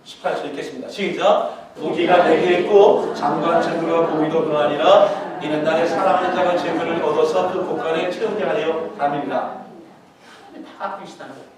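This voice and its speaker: A middle-aged male pastor preaching a sermon in a lively way, acting out voices and putting questions to his congregation. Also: fairly high pitch, fairly quick, a loud crowd. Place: large church sanctuary. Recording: echoey hall, mic far from the speaker.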